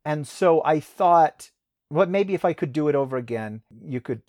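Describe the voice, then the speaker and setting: American narrator, animated storytelling, pitch swinging high and low, casual podcast. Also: moderate pace. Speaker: audiobook narrator.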